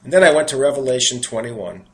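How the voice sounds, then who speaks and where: A man's voice: medium pitch, lively intonation, fast talker, a bit bright, low-quality recording. A man with a New York accent preaching a sermon, reading scripture aloud and breaking off into earnest, conversational asides. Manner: earnest, conversational asides between read verses.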